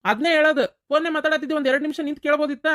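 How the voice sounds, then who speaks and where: A woman voicing an impatient young man in a cartoon, scolding fast with a North Karnataka accent. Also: high-pitched, steady tone, a bit bright, no room sound, studio quality, voice pushed up. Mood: complaining. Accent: North Karnataka Kannada. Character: young man, impatient brother-in-law demanding breakfast.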